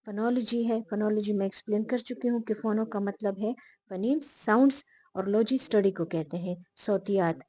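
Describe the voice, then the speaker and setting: Woman, teacher, unhurried explaining, repeats terms, warm dark tone, dry sound. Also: medium pitch, no echo. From Pakistan. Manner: unhurried, many restarts and fillers, repeats terms slowly. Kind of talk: explaining lesson to camera.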